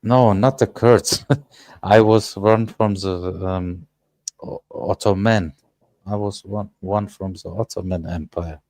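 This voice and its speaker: A man, speaking English as an in a casual panel chat and often pausing to search for words. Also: deep voice, steady tone, darkish tone, no echo. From Germany. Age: 30s. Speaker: panel guest.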